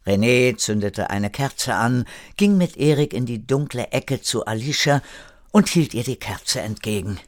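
An older man telling a story aloud as a grandfather, in a slow, measured storytelling manner. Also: mid-range voice, animated, dry recording, studio quality. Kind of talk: storytelling narration.

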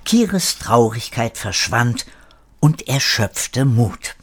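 A man reading a children's story aloud in a calm, measured way. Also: mid-range voice, husky. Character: old parrot narrator recalling the past. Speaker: narrator.

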